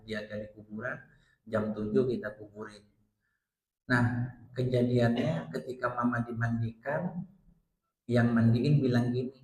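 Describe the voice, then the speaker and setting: Middle-aged preacher in an echoing mosque. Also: male voice, medium pitch, a bit bright. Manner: retells family dialogue with rising, tearful emphasis. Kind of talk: emotional storytelling sermon. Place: mosque hall. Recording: roomy mosque echo.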